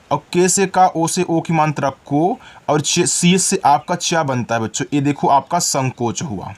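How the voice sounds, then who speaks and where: A man's voice: a little high, darkish tone. A man teaching beginners to read, patiently spelling out words letter by letter and sound by sound. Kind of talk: phonics lesson for beginners.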